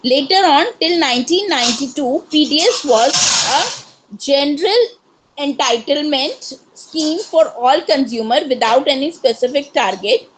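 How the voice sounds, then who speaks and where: A woman with an Indian English accent, giving an online lecture as a course counsellor and explaining things in a steady way. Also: high-pitched, unhurried, a little hiss or hum, rough recording. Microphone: video call.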